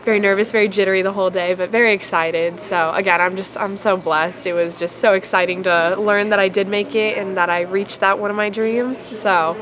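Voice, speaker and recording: A teenage girl, a high school basketball player, who has lost her voice and sounds hoarse, talking in a bubbly, grateful way in a post-game interview. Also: steady tone, brisk, few pauses, a bit bright. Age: teens. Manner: bubbly, grateful, repeats herself. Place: gym after a game. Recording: noisy crowd behind.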